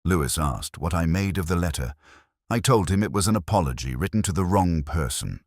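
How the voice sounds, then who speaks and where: This first-person detective narration comes from a man with an extremely deep voice, delivered in a measured, reflective, literary way with lively pitch shifts. The audio is dry and close, with no echo.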